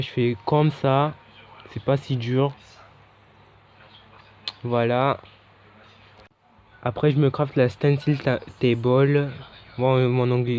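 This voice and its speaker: A young man chats loosely over his gameplay, stumbling and correcting himself as he goes. His delivery stays fairly flat and even. The lo-fi home mic sounds dull, with a faint hiss behind it. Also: medium pitch. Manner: loose, chatty, self-correcting. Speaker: gaming YouTuber. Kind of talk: casual gameplay commentary.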